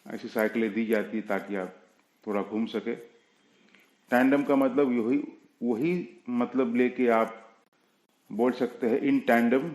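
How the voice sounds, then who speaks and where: A man teaching a spoken language lesson, explaining slowly and patiently and spelling words out letter by letter. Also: medium pitch, darkish tone, reverberant, low-quality recording. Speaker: English teacher.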